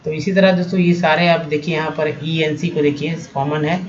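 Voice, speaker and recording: A man's voice: on the high side, fairly even intonation, a little fast, dull audio. A man teaching English spelling and pronunciation from slides, explaining patiently step by step and often checking in with his viewers. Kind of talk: slide-based language lesson.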